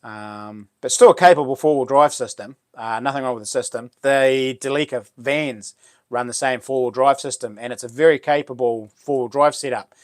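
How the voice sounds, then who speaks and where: A man's voice: medium pitch, moderate pace, no room sound, clean studio sound. A man with a broad New Zealand accent chatting casually as a livestream host, full of laid-back, matey Kiwi slang. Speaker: live stream host. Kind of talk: casual livestream chat, reading out comments.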